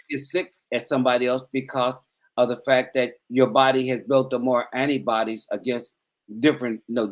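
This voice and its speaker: A medium-pitched male co-host in a casual chat explains his point earnestly and at length, often repeating words as he goes. The audio quality is poor.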